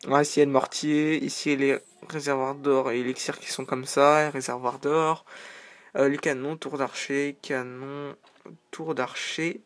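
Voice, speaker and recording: A man's voice: medium pitch, little pitch movement, normal speed. A man giving casual, joking commentary over a video game, rambling into side remarks. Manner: chatty, joking, rambling asides.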